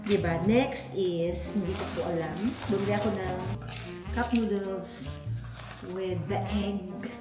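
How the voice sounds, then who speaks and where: A woman's voice: mid-range voice, fairly even intonation, slow, reverberant, over loud music. A woman with a Filipino accent chatting casually to viewers as a food vlogger, mixing languages as she eats and talks. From Philippines. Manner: chatty, eating while talking, code-switching. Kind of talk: casual food haul and mukbang chat to viewers.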